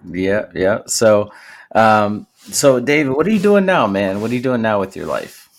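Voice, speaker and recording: A man's voice: fairly low pitch, sing-song, normal speed. An American man hosting a podcast, chatting in an informal, buddy-like way. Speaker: podcast host. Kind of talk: casual chat.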